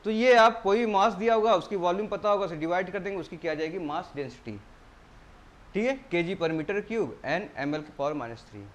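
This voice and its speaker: सवाल पूछता ऊँची आवाज़ वाला पुरुष शिक्षक. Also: male voice, high voice, fairly quick. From India. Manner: asks the class questions and answers them himself; keeps repeating key terms. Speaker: engineering exam tutor. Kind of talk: classroom lecture.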